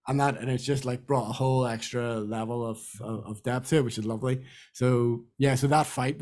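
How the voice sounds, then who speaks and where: A man's voice: medium pitch, a little mellow. A young man from Britain, a podcast co-host talking casually and rambling with many fillers. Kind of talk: casual chat.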